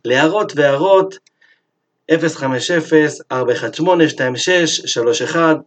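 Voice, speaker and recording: A man teaching a Torah lesson, telling a story in a lively sermon style and acting out its characters. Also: a little high.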